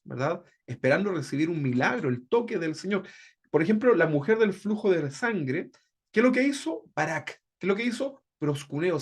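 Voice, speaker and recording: A man teaching a Bible discipleship class in a conversational way, often checking in with "¿verdad?". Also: fairly high pitch. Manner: conversational, keeps asking "¿verdad?".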